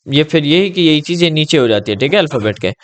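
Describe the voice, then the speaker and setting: A man teaches slowly and kindly over a video call. His voice is smooth and resonant, a little higher than most men's. He reassures his student and checks her understanding again and again. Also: lively intonation. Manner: gentle, reassuring, repeats "ٹھیک ہے؟" often. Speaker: Arabic tutor. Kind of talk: patient one-on-one online lesson.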